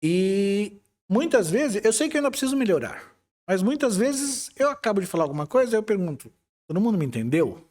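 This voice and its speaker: A man with a Brazilian Portuguese accent, an IT manager interviewed as a guest, telling stories in a relaxed way with some hesitant restarts. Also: high voice, a little fast. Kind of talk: conversational interview.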